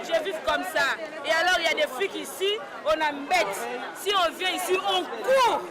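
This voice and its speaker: A woman's voice: very high-pitched, moderate pace. A woman speaking insistently, pleading, as a street interviewee. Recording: far from the mic in a loud crowd.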